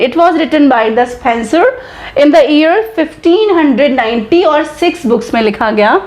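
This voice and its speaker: A woman teacher giving an exam-prep lecture, switching between Hindi and English, slowing down for English terms and often checking in with "okay" and quiz questions. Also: high-pitched, roomy sound. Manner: mixes Hindi and English, slow deliberate English phrases.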